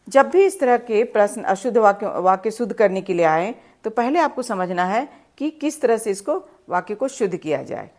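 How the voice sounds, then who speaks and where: Hindi teacher woman, patient and explanatory. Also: lowish voice. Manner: patient, explaining step by step with examples; reads example sentences slowly and deliberately. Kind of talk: online grammar lesson.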